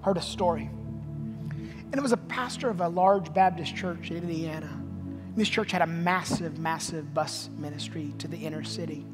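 A man's voice: a little high, moderate pace. A male pastor preaching a sermon, telling a story and building to fervent repeated refrains, in an empty church sanctuary. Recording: long hall reverb with music behind. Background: music.

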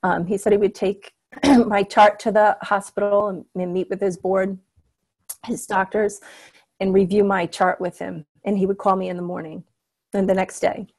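A woman's voice: mid-range voice, flat delivery, moderate pace, a little mellow. Middle-aged woman, interview guest on a video call, earnest and hesitant, lots of restarts. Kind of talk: personal storytelling over a call.

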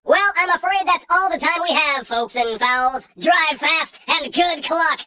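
A man voicing a polished, pompous cartoon rooster race-show anchor with crisp, mock-formal announcer delivery. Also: very high voice, a little slow, pushed and bright, dry recording, heavily acted. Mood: brisk. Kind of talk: cartoon sports commentary parody.

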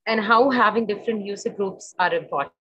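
A woman presents a library's building in a webinar over a video conference call. She explains at length and often pauses to search for her words. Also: mid-range voice, pushed and bright, slightly rough. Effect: video conference call audio that drops out at times. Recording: dull dry video-call audio.

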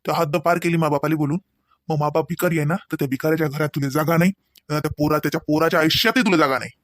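A man voices a furious young husband in an animated cartoon. He scolds in a high, tight voice. The sound is close and dry. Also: racing, dry recording, lightly acted. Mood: angry. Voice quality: stern, scolding. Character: angry young husband defending his parents. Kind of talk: cartoon voice acting.

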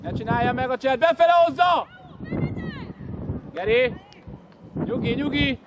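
High-pitched man urging young players on. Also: steady tone, muffled recording. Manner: encouraging, urging shouts. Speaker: youth football coach. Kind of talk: sideline coaching shouts. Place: outdoor football pitch. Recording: noisy outdoor pitch recording.

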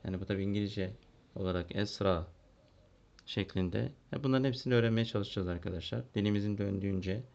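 Low-pitched man teaching a kids' english lesson, thinks out loud, kinda muffled lo-fi recording. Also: fairly quick, vocal fry. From Turkey. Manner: explains and translates, thinks aloud with fillers. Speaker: primary school English teacher. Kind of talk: classroom lesson walkthrough. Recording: dull lo-fi recording.

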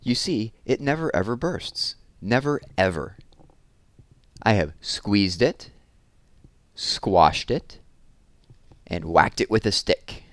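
Reading children's picture books aloud on a headset mic in a small room at home, a man in his thirties performs expressively and adds casual asides. His lowish, fairly bright voice moves slowly with frequent pauses, and there's no room sound.

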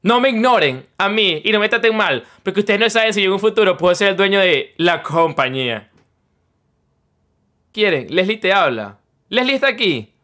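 Young man, streamer, casual chat, high voice, rambling, mock self-pity. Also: expressive, normal speed, sharp tone. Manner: rambling, playfully boastful, mock self-pitying.

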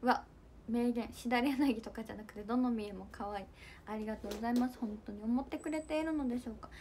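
Bubbly high-voiced young woman. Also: fast talker, dark tone, slight background noise. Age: young adult. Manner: bubbly, giggly, chatty, reacting to comments. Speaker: idol livestream host. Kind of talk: casual livestream chat reading comments.

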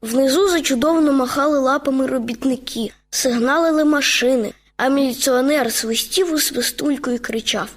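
Expressive woman reading a kids' radio story. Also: high-pitched, moderate pace, few pauses. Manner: lively, expressive. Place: radio studio.

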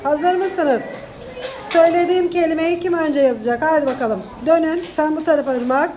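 A woman's voice: high-pitched, a little fast, a little mellow, some chatter behind, a little hiss or hum, rough recording. A woman primary school teacher dictating words and short phrases to young pupils, repeating them and giving instructions and encouragement. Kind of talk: classroom dictation drill. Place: indoor classroom.

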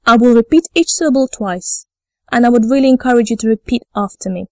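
A woman who teaches Russian as her first language, explaining reading rules patiently and pronouncing each sound clearly for learners to repeat. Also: a little high, fast, dark tone, no room sound, clean studio sound. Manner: patient, enunciates carefully, models sounds for repetition. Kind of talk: slow, clear teaching narration.

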